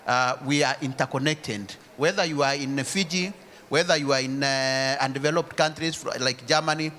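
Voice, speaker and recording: A man from Kenya speaking earnestly on a conference panel, with halting restarts. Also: medium pitch, bright, forceful tone. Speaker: panel speaker for a climate justice alliance. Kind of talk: panel discussion remarks.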